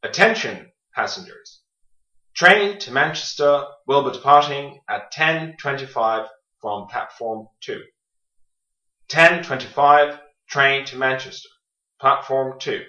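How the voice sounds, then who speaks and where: A man reading a slow, formal train announcement over a station intercom, repeating the key details. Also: mid-range voice, expressive. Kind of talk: scripted listening-test announcement. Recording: echoey, distant, dull loudspeaker sound.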